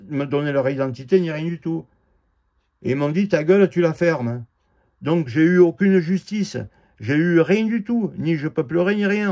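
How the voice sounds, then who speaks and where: A middle-aged man telling his own grievance in a halting, indignant ramble full of fillers and restarts. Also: fairly high pitch, darkish tone. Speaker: vlogger telling a personal grievance. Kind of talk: rambling first-person account. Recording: dull lo-fi audio.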